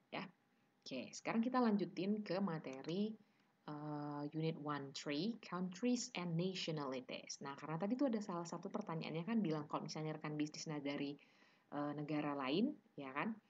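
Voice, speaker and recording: Indonesian-accented woman, English teacher, low husky voice, slow drill reading, dull lo-fi audio. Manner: mixes Indonesian and English, drills word pairs slowly. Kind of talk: online class lecture.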